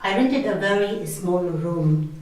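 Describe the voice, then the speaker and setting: A woman from the Philippines tells her story slowly and hesitantly, with restarts. Her voice is fairly low. The sound is distant and very echoey. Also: animated, a little mellow. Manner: hesitant, halting, with laughs. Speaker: carer, former nurse. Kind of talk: interview, personal story. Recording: echoey room from far off.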